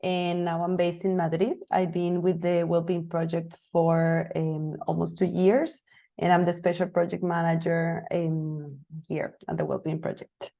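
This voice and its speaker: A woman's voice: fairly low pitch, little pitch movement, unhurried, gravelly, dark tone. A woman from Venezuela introducing herself on a video call, with dull audio. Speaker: project manager.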